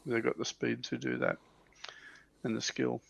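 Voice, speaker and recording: On a livestream he co-hosts, a man hesitantly and informally walks through tabletop game units like the enthusiast he is. His medium-pitched voice is creaky with a breathy edge, his pace measured, and the audio slightly dull with no echo.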